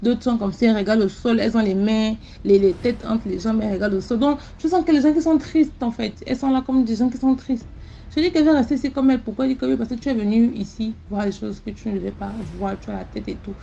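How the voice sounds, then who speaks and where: A woman telling a first-person mystical story in an animated way, repeating herself and using sound words, recorded with a slightly dull sound. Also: fairly high pitch, fast, vocal fry, a little hiss or hum.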